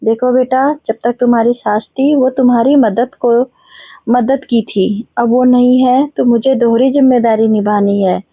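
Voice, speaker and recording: In a storybook reading, a woman gives voice to a gentle elderly father-in-law, soft and reassuring. The voice sits a little high and mellow. It is recorded dry and close. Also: fairly even intonation, unhurried, dry recording. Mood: tender.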